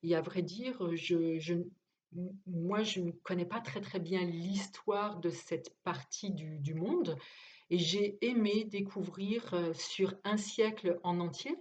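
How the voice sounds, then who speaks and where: Woman doing a book review, slow n halting, lowish voice, kinda dull lo-fi sound. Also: a little mellow, a little hiss or hum. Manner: hesitant, halting, with frequent fillers. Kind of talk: book review, reading passages aloud.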